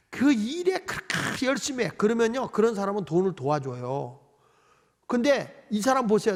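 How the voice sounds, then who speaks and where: A middle-aged male pastor with a high, gravelly voice that swoops up and down as he preaches. He keeps the delivery lively and drops playful mimicking asides. A long reverb rings around him in a large church sanctuary. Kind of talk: Friday night service sermon.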